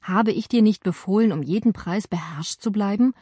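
A woman's voice: medium pitch, normal speed, dark tone, slightly rough, no echo, studio quality, natural voice. A woman voicing an elderly male Roman prefect who sternly reproaches a younger man, in an audiobook. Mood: reproachful. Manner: stern, accusing.

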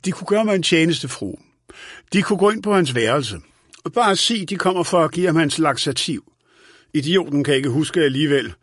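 A man's voice: fairly high pitch, expressive, a bit bright, no room sound, studio quality, voice pushed up. A man voicing a fussy senile old lawyer. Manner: querulous, scolding, raised voice. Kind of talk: audiobook character voice.

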